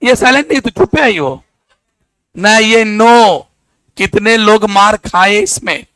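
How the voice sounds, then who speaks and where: This is a male biology teacher from Bihar, a voice that sits fairly high. He lectures in a casual, story-driven way and drops into to act out exchanges between people. The recording is dry, almost no room sound. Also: moderate pace, no echo. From Bihar, India. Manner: animated storytelling, acts out dialogue in local dialect. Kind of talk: classroom lecture with anecdotes.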